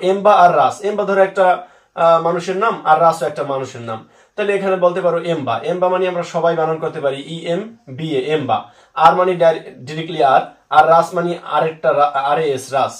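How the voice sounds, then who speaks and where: A man's voice: fairly high pitch, roomy sound, distant mic. A man teaching English spelling to students, patiently repeating words and spelling them out letter by letter.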